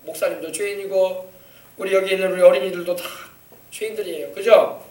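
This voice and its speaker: Pastor addressing kids, lively and questioning; man with very high voice, far from mic. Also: a little fast. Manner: animated, coaxing, asks the children questions. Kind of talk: children's sermon. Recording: echoey church from far off.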